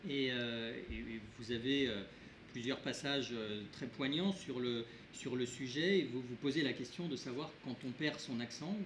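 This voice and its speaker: A man moderating a literary talk, asking questions hesitantly with many fillers and restarts. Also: mid-range voice. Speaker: event moderator. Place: event hall. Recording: echoey room with background noise.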